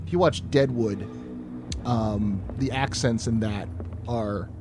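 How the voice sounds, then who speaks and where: A man's voice: on the low side, takes it slowly, over music. A man giving casual gameplay commentary, rambling, chatty and profane. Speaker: streamer.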